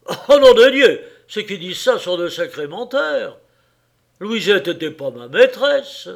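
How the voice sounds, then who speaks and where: A man's voice: high-pitched, animated, takes it slowly, gravelly, pitched above the performer's own voice, full character voice. A man voicing a hulking young quarryman accused of a crime, talking in a thick, growling voice of helpless anger. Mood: furious.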